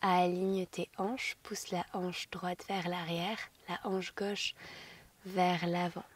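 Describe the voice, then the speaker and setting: A woman yoga teacher guiding a class in a soothing, gentle, slow manner, with a soft, breathy voice that often nears a whisper. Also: lowish voice, little pitch movement. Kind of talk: guided yoga instruction.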